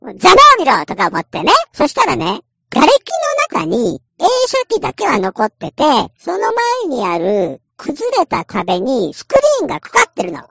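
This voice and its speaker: A woman's voice: fairly high pitch, wildly swooping pitch, normal speed, creaky, hardly any pauses, fairly bright tone, slightly rough, dry recording, lo-fi sound. A woman casually explaining a game in a chatty, playful way, acting out little quotes as she goes.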